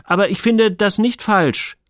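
A man's voice: sits high, measured pace, dry recording, clean studio sound, voice pushed up. A man voicing a shy, awkward young boy who talks in a hesitant, earnest way, in an audiobook.

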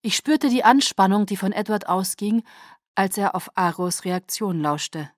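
A woman narrating a novel in first person, measured and dramatic, close to the mic. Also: mid-range voice, lively intonation, no echo. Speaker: audiobook narrator.

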